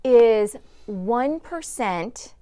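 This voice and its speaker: Brief: female expert guest, American accent, clear crisp voice, dry close sound, explanatory. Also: a little high, lively intonation, extremely slow, dark tone, dry recording. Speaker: mortgage loan officer guest. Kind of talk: explanatory interview talk.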